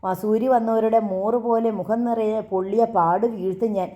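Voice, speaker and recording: A woman's voice: mid-range voice, fairly even intonation, normal speed, dull audio, lightly acted. A woman voicing a jealous, childlike young wife who is volatile and tearful, pleading and wailing her accusations, in a storybook reading. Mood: accusing.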